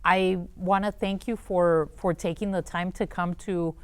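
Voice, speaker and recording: A woman hosting a talk show, interviewing in a conversational way with hesitant, halting phrasing. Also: lowish voice, steady tone, clear, resonant tone, no room sound.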